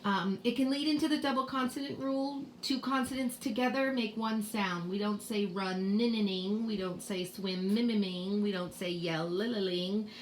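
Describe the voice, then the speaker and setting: A woman with a fairly high voice explains spelling rules to parents in a casual home lesson. She goes slowly and patiently, using many fillers. The recording has a roomy echo, faint ambience and slight background noise.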